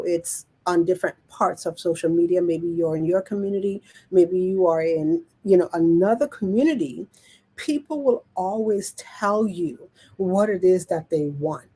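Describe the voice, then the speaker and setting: A woman's voice: on the low side, a little mellow, slightly rough. A woman with a Caribbean island accent, teaching conversationally as a show host, repeating phrases for emphasis and often checking in with her listeners. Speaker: show co-host, business coach. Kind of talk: conversational teaching talk to an online audience.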